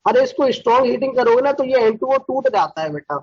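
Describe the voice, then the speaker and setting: A man teaching an online chemistry lecture in a brisk, scolding way, urging students to answer fast. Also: very high voice, lively intonation, a little mellow, husky, dry recording. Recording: dull, dry lo-fi sound.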